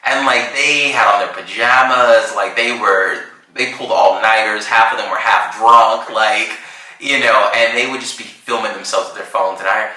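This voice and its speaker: Animated slangy man telling a story. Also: on the low side, moderate pace, very echoey, low-quality recording. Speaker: podcast co-host. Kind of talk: casual storytelling chat.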